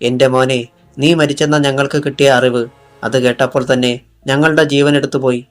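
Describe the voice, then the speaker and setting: A man's voice: mid-range voice, level tone, moderate pace, soft background music, close to an everyday voice. A man reading a shaken older man.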